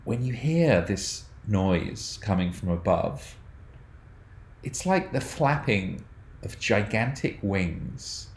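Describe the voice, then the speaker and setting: Slow, echoey game-master narration from a man. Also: on the low side, big pitch swings, vocal fry. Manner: halting, descriptive narration with fillers. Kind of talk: narrating a tabletop horror game. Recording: roomy echoey recording.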